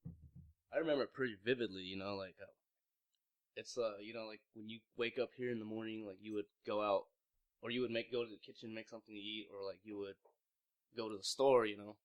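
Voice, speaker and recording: A man in his mid twenties from Vietnam, a young clothing brand founder, tells his story in a casual interview, rambling with heavy use of "like," plenty of fillers and frequent restarts. His voice is on the low side with fairly even intonation and a quick pace, recorded muffled.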